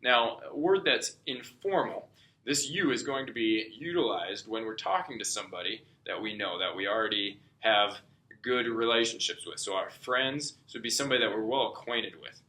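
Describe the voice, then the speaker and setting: Speaking at a normal speed, a Spanish tutor with a fairly low, pushed and bright voice patiently explains a language lesson step by step. He checks in with "okay?" as he goes, in a room with noticeable echo.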